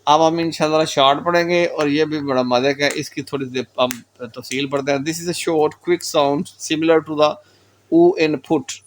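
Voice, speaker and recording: A man with a Pakistani Urdu accent teaches German pronunciation in a recorded lecture. His voice sits somewhat high and his pace is unhurried. He works through examples patiently and drops English phrases into his explanations. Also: steady tone, slight background noise. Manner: explains patiently, often repeats "theek ho gaya", mixes in English phrases.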